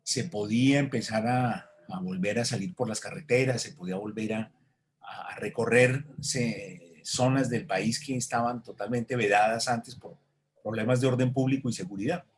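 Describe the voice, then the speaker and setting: A man's voice: lowish voice, normal speed, slight background noise. A man, an author answering interview questions in a reflective way, with hesitations and restarts, over a video call. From Colombia. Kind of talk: thoughtful conversational answer.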